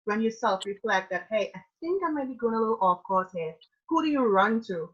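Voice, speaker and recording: Her voice is on the high side, expressive and breathy-edged, moving fairly quickly through a muffled recording. With a Trinidadian accent, she interviews a guest on a relaxed livestream, full of energy and enthusiasm and occasionally turning preachy.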